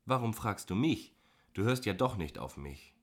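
A man's voice: fairly low pitch, big pitch swings, moderate pace, voice pushed up. A male audiobook reader voicing a young female assistant who sounds cool and worn out. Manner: cool and weary. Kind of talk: audiobook dialogue.

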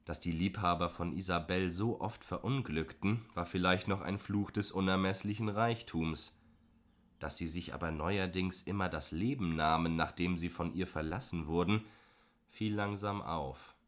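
A man reading a first-person novel aloud in a measured storytelling voice. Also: low voice. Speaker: audiobook narrator. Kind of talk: scripted first-person narration.

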